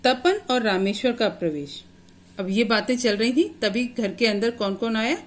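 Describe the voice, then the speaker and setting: A woman's voice: on the high side, normal speed. A woman teacher reading a children's play aloud and explaining each line in simple words. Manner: reads each line, then explains it plainly.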